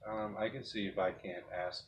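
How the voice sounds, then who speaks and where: A man's voice: fairly low pitch, steady tone, normal speed, a little hiss or hum, low-quality recording. Casual man leading a ghost-hunting session. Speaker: paranormal investigator leading an EVP session. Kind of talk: casual talk and spoken questions to a spirit.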